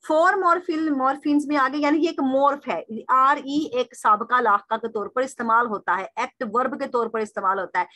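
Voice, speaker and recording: A woman teacher giving a recorded lecture. She asks and answers her own questions, spells out example words slowly and addresses listeners formally. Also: high voice, pushed and bright, no echo. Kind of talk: recorded lecture reading through a text.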